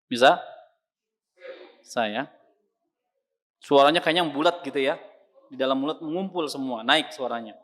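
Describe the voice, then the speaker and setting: Guy teaching quran letter sounds, patient, mid pitch, says the sounds loud over and over. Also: unhurried, long pauses. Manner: patient, demonstrates sounds by repeating them loudly. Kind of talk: online tajwid lesson.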